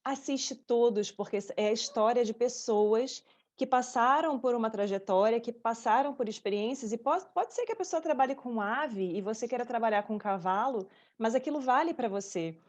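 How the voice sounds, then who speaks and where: A Brazilian woman hosting an interview, speaking in a warm, effusive way and openly moved. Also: fairly high pitch, moderate pace. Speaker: interview host. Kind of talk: casual interview chat.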